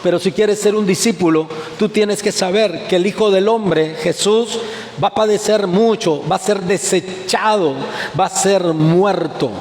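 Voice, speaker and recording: Man, pastor, sermon, high voice, questions to the congregation, echoey church. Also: measured pace, a little mellow, slight background noise. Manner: asks the congregation questions and answers them. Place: church sanctuary. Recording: echoey church hall with faint ambience.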